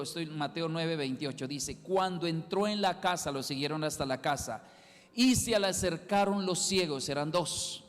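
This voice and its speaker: A man preaching a sermon as pastor, emphatic, rising loud and dropping soft as he repeats key words. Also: high-pitched, long reverb tail. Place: church hall.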